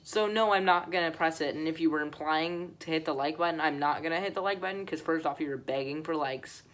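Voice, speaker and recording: A woman's voice: deep voice, brisk, a bit bright. A woman giving casual reaction commentary, ranting sarcastically and saying "like" constantly. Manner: sarcastic ranting, heavy use of "like". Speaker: reaction video creator.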